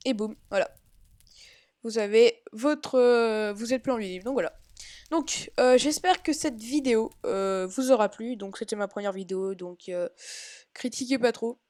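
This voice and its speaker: A woman talking casually through a game tutorial on her own microphone, halting and correcting herself as she explains. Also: on the high side, a little mellow, no room sound, clean studio sound. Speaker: Minecraft tutorial maker. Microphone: own home microphone.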